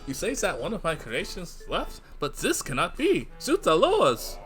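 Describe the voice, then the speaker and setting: A man's voice: fairly high pitch, huge pitch swings, normal speed, fairly bright tone, faint music behind, voice pushed up. A man voicing a pompous male ghost painter in a mock French accent, theatrical and grandiose.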